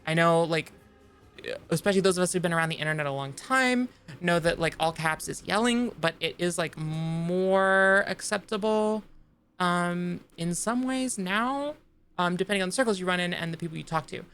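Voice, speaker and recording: A woman's voice: on the low side, moderate pace, a bit bright, a little hiss or hum. A woman streaming a video game live, chatting casually and rambling to her viewers, with many fillers and restarts. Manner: talks straight to her live chat. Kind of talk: casual chat while playing a video game.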